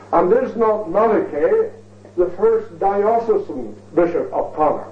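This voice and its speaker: A high-voiced man gives a formal lecture in a lecture hall, his delivery measured and ornate, with phrases repeated for emphasis. The recording sounds thin and phone-like, tinny and echoey, as if captured from far away.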